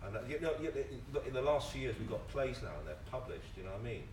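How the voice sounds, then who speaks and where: A British theatre writer and director speaks off the cuff on a panel at a theatre, very fast, in a mid-range, sing-song and slightly mellow voice. Emphatic and colloquial, he often stammers over repeated words as he passionately argues his point. The distant mic gives a roomy sound with background noise.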